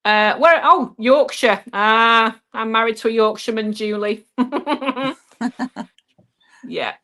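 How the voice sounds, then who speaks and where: A woman's voice: fairly high pitch, takes it slowly, bright, forceful tone. Brief: woman, northern English Lancashire accent, live-stream host, reads viewer comments, casual and upbeat. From northwest England.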